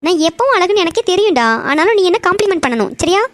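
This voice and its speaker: A woman's voice: very high voice, very animated, slight background noise. A woman voicing a playful young bride-to-be in a cartoon who teases her fiancé. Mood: teasing. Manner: teasing, fast chatter.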